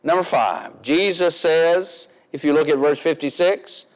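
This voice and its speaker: A man preaching a sermon in a church, deliberate and emphatic, asking his listeners questions. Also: a little high. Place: church sanctuary. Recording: long reverb of a church hall.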